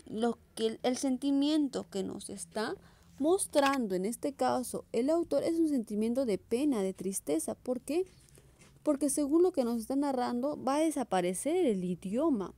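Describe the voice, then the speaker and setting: Lively, high-voiced woman teacher. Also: no echo. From Peru. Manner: lively questioning, answers her own questions. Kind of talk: virtual class lesson.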